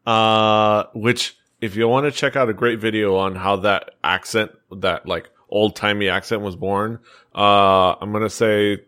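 Man, podcast host, lowish voice, rambling, chuckles. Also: steady tone, measured pace, fairly bright tone. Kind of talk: casual chat.

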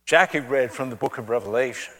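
Male priest, middle register, unhurried liturgical delivery, big reverberant cathedral sound. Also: medium pitch, a bit bright, husky. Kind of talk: liturgical Gospel reading and homily. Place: large church. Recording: long cathedral-like echo of large space.

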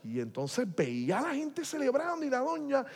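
A man preaching a testimony, telling his story animatedly and swinging from hushed to loud. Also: extremely high pitch, wildly swooping pitch, normal speed, vocal fry. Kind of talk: sermon testimony. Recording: long hall reverb.

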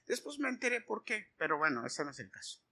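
A man's voice: high voice, quick pace, creaky, slightly rough. A middle-aged man, preaching a sermon as he tells a personal story and acts out the dialogue. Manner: animated storytelling, acting out dialogue.

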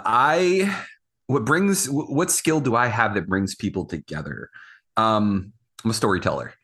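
Male podcast panelist, conversational and halting, forward bright tone on a lowish pitch. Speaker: podcast panelist and executive producer. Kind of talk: casual conversational chat.

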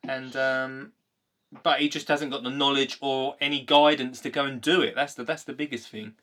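A man with an Essex accent hosts a live call-in show, chatting casually and unscripted with callers in an informal, matey way. His mid-range voice shows little pitch movement, is a bit bright, and moves at a moderate pace.

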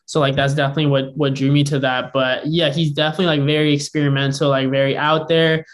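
A man's voice: fairly high pitch, little pitch movement, fast. A man from the Bay Area, hosting a casual podcast chat, laid-back and slangy with many likes. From San Francisco Bay Area. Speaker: podcast host.

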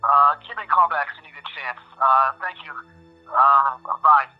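A man's voice: mid-range voice, normal speed, phone-quality sound, soft background music, natural voice. An actor playing an ordinary man who talks hesitantly, full of ums and uhs, in an audio drama. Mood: worried. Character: ordinary man, worried family man losing his memory. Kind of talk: audio drama monologue and voicemails.

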